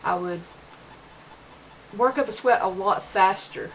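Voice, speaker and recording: A woman's voice: mid-range voice, takes it slowly. Young woman rambling on her vlog, earnest, kinda muffled lo-fi camera sound, little bit of hiss. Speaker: vlogger. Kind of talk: casual vlog monologue. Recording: dull lo-fi home video.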